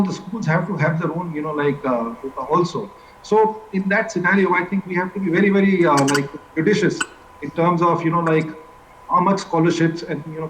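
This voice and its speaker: Hesitant Indian man, echoey distant audio. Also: on the high side. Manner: hesitant, frequent "you know, like". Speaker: panel guest. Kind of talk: panel discussion remarks. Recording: echoey, distant, faintly noisy call.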